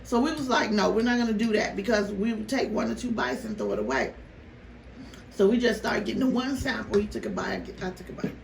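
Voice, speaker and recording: A woman vlogger telling a story casually to her viewers, animated and exasperated, with rhetorical questions. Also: medium pitch, brisk, creaky. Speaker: mukbang vlogger. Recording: roomy, noisy, distant microphone.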